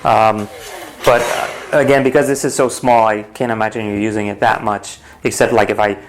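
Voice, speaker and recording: A man's voice: on the low side, steady tone, normal speed, rough recording. A man giving a casual, rambling, matter-of-fact hands-on product review as the host of an unboxing vlog. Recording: home recording with clear noise and clicks.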